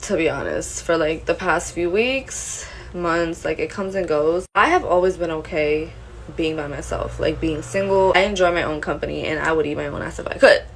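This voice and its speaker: Late-twenties woman, lower voice, blunt casual vlog talk, faint ambience. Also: moderate pace, a little hiss or hum, low-quality recording. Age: late 20s. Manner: blunt, frank, casual slang. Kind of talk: confessional vlog.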